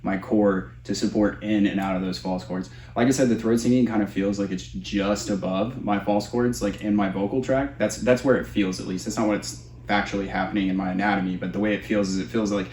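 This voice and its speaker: A man's voice: lowish voice, steady tone, fairly quick, a little mellow, a little hiss or hum. A man giving a casual, explanatory tutorial as a vocal coach. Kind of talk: instructional tutorial with vocal demonstrations. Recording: roomy echo.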